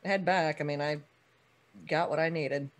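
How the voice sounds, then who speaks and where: A man's voice: a little high, steady tone, measured pace. A man talking casually as a player in a tabletop game. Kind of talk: casual chat.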